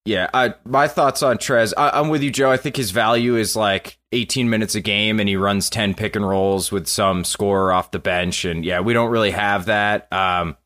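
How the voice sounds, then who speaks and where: Guy hosting a sports pod, lowish voice, jokey, laughs a lot. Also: fairly even intonation, fairly bright tone. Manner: joking, laughs often, quick asides. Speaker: podcast host. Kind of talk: casual sports podcast chat.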